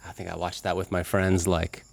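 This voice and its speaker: A man's voice: sits low, monotone, brisk, gravelly. An American man, a podcast guest, telling stories in an easygoing, laughing way. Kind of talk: casual interview chat.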